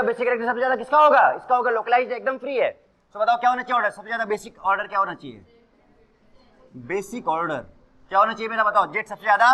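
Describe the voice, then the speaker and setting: A man's voice: very high-pitched, bright, forceful tone. A male chemistry teacher giving a classroom lecture, mixing Hindi and English and constantly quizzing his students with questions.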